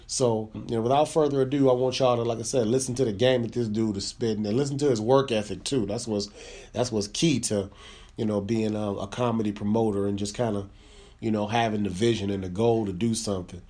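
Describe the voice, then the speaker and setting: A man's voice: on the low side, steady tone, fairly quick, warm tone. A man hosting a casual comedy podcast, talking in a laid-back, slangy way with plenty of fillers. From Midwest US (born Chicago, raised Michigan).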